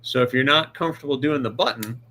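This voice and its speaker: A man's voice: medium pitch, fast talker, bright, forceful tone, a little hiss or hum. A man hosting a live stream about pocket knives, chatting casually, greeting viewers by name and restarting sentences as he handles a knife. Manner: handles the knife while talking, restarts often.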